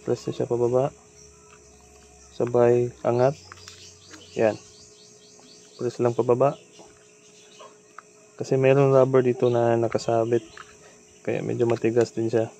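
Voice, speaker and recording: Talking as he works, a man with a Filipino accent gives an informal, instructional repair tutorial. His creaky, medium-pitched voice is unhurried with long pauses, and steady background noise with insect-like chirping runs throughout.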